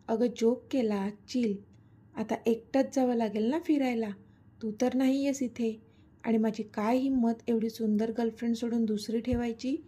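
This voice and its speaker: A woman's voice: fairly high pitch, mellow, slightly rough. A woman reading a romantic serial story aloud, speaking every character's lines in her own voice. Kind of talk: scripted story narration with voiced dialogue.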